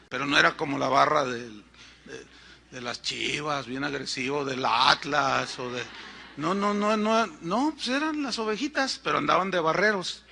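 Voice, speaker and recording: A middle-aged man with a Mexican accent preaching a sermon, telling stories in an animated way and acting out the people in them. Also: fairly high pitch, creaky. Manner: animated storytelling with acted-out quotes. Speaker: pastor.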